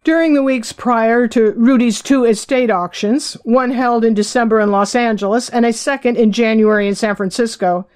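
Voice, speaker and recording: A woman with a somewhat high voice reads her own biography aloud. Her delivery is measured and even, steady audiobook storytelling. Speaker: author reading her own book. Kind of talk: audiobook narration.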